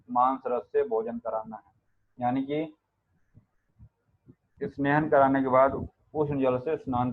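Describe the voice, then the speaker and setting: A man lectures to students on Ayurveda in an even, level tone, stopping to chant Sanskrit verses and to press the class with quick questions. His voice comes through narrow and tinny, like a phone line, and sits at an ordinary middle pitch.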